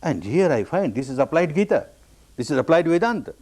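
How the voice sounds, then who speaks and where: A man from Burma giving a meditation discourse, telling his own story with repeated, emphatic phrases that jump up high on the key words. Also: very animated, fairly quick, a little mellow. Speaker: meditation teacher.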